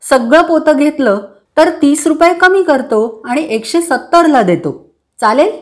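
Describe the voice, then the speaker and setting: A woman's voice: high voice, unhurried, voice pushed up. A woman doing a fiery male cucumber seller. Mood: excited. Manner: excitable and emphatic.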